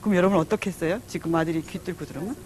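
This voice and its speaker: A middle-aged woman giving a public lecture on marriage and parenting, telling stories with lively acted-out dialogue. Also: fairly low pitch, rapid-fire. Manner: lively storytelling, acting out dialogue.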